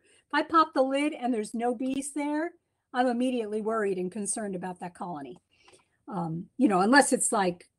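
A middle-aged woman giving a chatty slide lecture from home over a webcam, with many ums and restarts. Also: fairly high pitch. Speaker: beekeeping speaker. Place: home room, indoors. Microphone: webcam on a video call.

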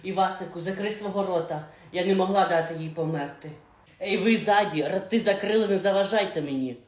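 A woman's voice: fairly low pitch, steady tone, fast talker, a little mellow, pitched below the performer's own voice, close to an everyday voice. A woman doing a bossy scheming mother. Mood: commanding. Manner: bossy and scolding. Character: bossy middle-aged mother, scheming, sharp-tongued. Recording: roomy echo.

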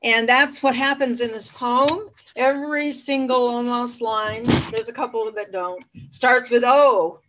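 A woman hosting a live poetry event, reading a long poem aloud and giving each line slow, deliberate emphasis. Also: fairly high pitch, background noise. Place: library event room.

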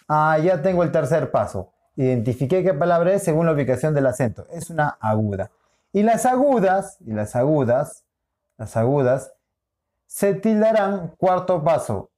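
A man's voice: a little high, a little mellow. A male school teacher giving a recorded online lesson, patient and repetitive, often checking in with short questions. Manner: repeats himself and checks in with frequent questions; patient, drawn-out explaining.

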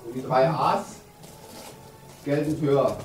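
A man in his fifties, a handball coach giving an emphatic, deliberate pre-game team talk with pauses for effect in a locker room. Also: medium pitch, steady tone. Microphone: camera a few metres away. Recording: roomy, distant camera mic, background noise.

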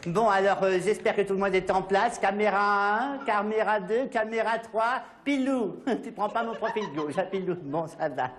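A man's voice: high voice, normal speed, hardly any pauses, a bit bright. A man playing a chatty, showy host opening a TV cooking show in a comic sketch. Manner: chatty, showman-like.

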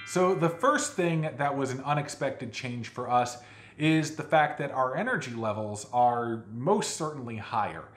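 A man's voice: medium pitch, animated, measured pace, faint music behind. A man co-hosting a food vlog, chatting casually with jokes and rambling fillers. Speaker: vlog co-host. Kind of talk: casual chat. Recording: echoey room.

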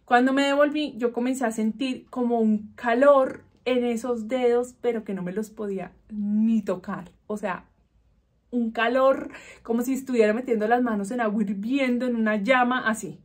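Young woman vlogger, slightly high voice, dramatic and chatty storyteller. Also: moderate pace. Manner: animated, dramatic retelling with vivid exaggeration. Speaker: beauty vlogger. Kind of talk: casual storytelling to viewers.

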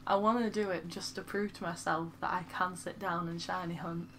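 A woman with a Lancashire accent talks through a game stream in a loose, chatty way, poking fun at herself and answering her viewers. Her voice sits a little low for a woman. A faint hum of background noise stays behind her. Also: steady tone, normal speed, fairly bright tone. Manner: chatty and self-mocking, reads viewer comments aloud. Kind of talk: casual live-stream chat.

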